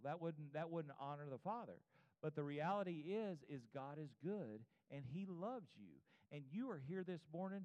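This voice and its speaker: In a large, reverberant room, muffled on the recording, a 52-year-old man preaches an evangelical sermon with an altar call, urging his congregation directly and earnestly through repeated phrases. His fairly high voice is clear and resonant, with a darkish tone.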